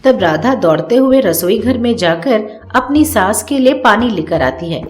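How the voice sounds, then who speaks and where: A woman narrating a moral story in a measured, scripted way. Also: on the high side, animated. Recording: roomy echo, faint background music.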